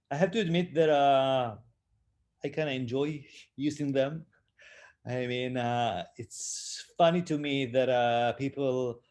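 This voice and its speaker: This Hebrew-speaking man from Israel has a mid-range, slightly mellow voice. Taking part in a video-call roundtable as a panelist, he hesitates a lot, fills pauses often, and lets out self-deprecating laughs.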